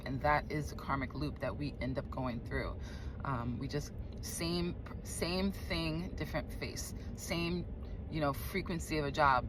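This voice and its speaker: A woman speaking off the cuff as a spiritual coach, earnest and reflective, halting now and then to repeat words. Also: low voice. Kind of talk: unscripted spiritual talk. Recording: clear background noise.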